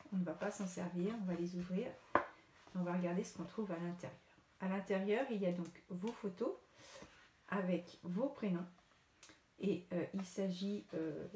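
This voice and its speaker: French woman teacher, patient repetitive lesson for small children, mellow voice in a roomy space. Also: medium pitch. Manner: slow, clear, repetitive teacher talk to children. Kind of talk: recorded lesson for young pupils. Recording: echoey room with faint noise.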